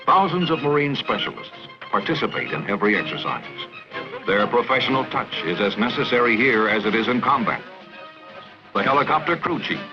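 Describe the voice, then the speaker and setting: A man's voice: medium pitch, very animated, brisk. A man with an American accent reading scripted narration for a 1960s military training film. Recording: muffled vintage film soundtrack with music. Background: music.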